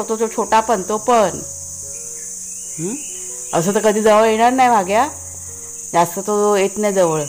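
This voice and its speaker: A woman's voice: on the low side, darkish tone, slight background noise. A woman host with a Konkan Marathi accent, chatting casually in a village vlog, talking to her pets and her viewers outdoors.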